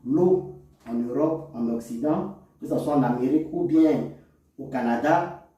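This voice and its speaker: An instructor and cosmetics chemist with an African French accent gives an informal lesson explaining products, stressing his points emphatically at a measured pace. His medium-pitched voice is warm. The mic is distant, the room echoes, and there is slight background noise.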